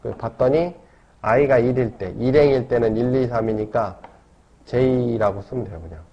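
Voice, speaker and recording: A man's voice: medium pitch, moderate pace. A man teaching a math lesson, explaining step by step and often checking in with tag questions. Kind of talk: classroom lecture. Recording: dull lo-fi lecture recording.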